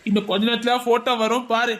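A quick, bright-voiced caring friend. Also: male voice, very high-pitched, flat delivery. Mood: reassuring. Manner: reassuring, brisk. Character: young man, caring friend and coworker.

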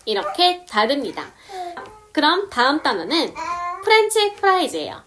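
A woman explaining English words step by step, saying example sentences slowly. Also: high-pitched, wildly swooping pitch, a bit bright. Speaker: English teacher. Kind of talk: casual video lesson.

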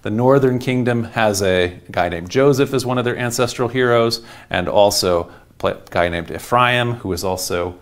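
A man's voice: medium pitch, moderate pace, hardly any pauses. A man giving a casual history lecture, rambling with many fillers and restarts.

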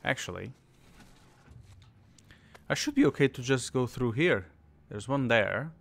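A man's voice: medium pitch, animated, a little slow, vocal fry, a bit bright. A young man streaming a video game, muttering a play-by-play and swearing in bursts. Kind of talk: gaming commentary.

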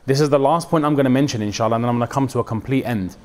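A man speaks at medium pitch and very quickly in a large hall. He is an Islamic preacher giving an informal, conversational sermon, animated as he acts out what people say and weaves in religious phrases.

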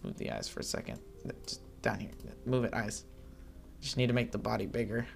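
A man giving excitable let's play commentary, chattering at the creatures on screen as he plays. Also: fairly low pitch, a little fast, vocal fry, soft background music. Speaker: gaming channel host.

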